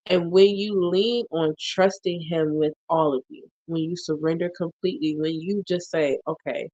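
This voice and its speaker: Lady host with a lowish voice, playful and animated, sounds a bit muffled and dry. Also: normal speed, dry recording. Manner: animated, playful, preacherly testimony. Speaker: podcast host. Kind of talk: casual chat.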